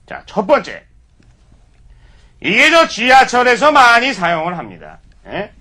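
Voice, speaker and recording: A man's voice: high voice, bright, forceful tone. A man giving a mock-formal comedy lecture, peppered with profanity.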